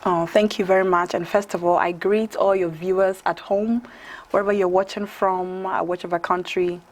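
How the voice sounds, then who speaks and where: A woman in her thirties from Ghana, a guest in a conversational interview, telling her story in a relaxed way with fillers. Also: on the low side, normal speed. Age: 30s.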